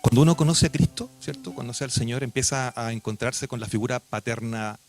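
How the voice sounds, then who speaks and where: A man interviewing a guest for a church video, asking questions in a gentle, conversational way. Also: medium pitch, fairly quick, soft background music.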